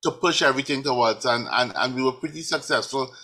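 A man speaking as a professor in an online panel discussion. His voice is bright and forceful, and his delivery is measured, circling back over words as he builds his point. It sounds like a video-call connection. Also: mid-range voice, low-quality recording. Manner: measured, restarts phrases.

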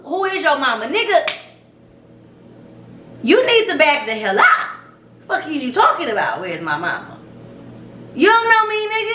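A young woman tells a story on her vlog with loud, profane emphasis and lots of animation. Her voice is bright and a touch high. The sound bounces around an echoey room, with faint noise behind her. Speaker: vlog host. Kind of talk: casual storytelling rant.

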